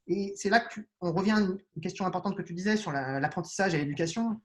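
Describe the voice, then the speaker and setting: A man's voice: high voice, fast. A man with children answering interview questions on neuroscience, explaining patiently with frequent restarts and hesitations. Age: adult with children. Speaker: neuroscience guest.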